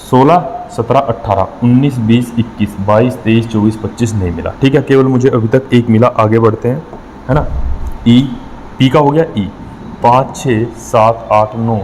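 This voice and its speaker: Male tutor, mid-pitched, steady classroom explaining, long echoey reverb, faint hiss. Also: moderate pace. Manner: explains step by step, counting aloud with frequent checks. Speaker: maths and reasoning teacher. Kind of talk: exam-prep lesson.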